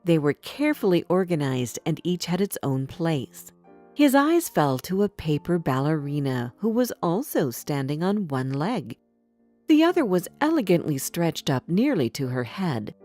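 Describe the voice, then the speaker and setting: Soft music plays behind a woman with a fairly low voice as she reads a children's fairy tale. She tells it with a very animated, melodic delivery.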